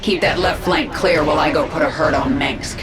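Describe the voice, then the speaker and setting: A woman's voice: low voice, normal speed, reverberant, music in the background, close to an everyday voice. A woman playing a vengeful, ruthless alien swarm queen in a video game, with a commanding, menacing delivery. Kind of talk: dramatic video game acting.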